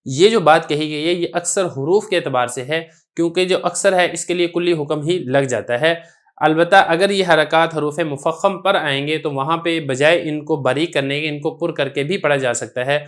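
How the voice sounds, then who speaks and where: Man, Pakistani Urdu accent, tajweed teacher, patient and repetitive, fairly high voice. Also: a bit bright. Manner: patient, repetitive explanations with recited examples. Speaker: Quran recitation teacher. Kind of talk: tajweed lesson explaining a text.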